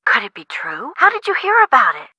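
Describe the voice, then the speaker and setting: A voice actress in an adventure video game plays a frightened, dramatic homeowner who is still chatty and friendly, explaining things in an emotive, colloquial way. Her fairly high, bright voice is brisk with a breathy edge and an exaggerated delivery, recorded dry.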